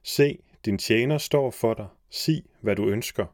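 A man's voice: fairly low pitch, no echo, studio quality, lightly acted. A man voicing a powerful genie servant of a ring, speaking formally and obediently in a storybook reading. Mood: dutiful.

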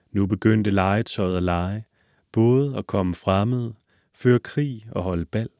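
Guy reading a fairy tale, calm and steady, lowish voice, dry close sound. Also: no room sound. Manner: calm, measured storytelling. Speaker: narrator.

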